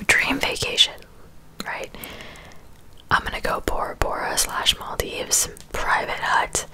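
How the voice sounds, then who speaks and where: The audio here is poor, but you can hear a twenty-something woman doing ASMR, answering viewer questions in a gentle, breathy whisper at an easy, casual pace.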